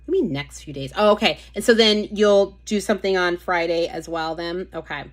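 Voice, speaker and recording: On the low side and a little fast, a woman speaks as host of a casual live stream showing nail polish. She chats with her viewers, reads their comments aloud and is easily sidetracked.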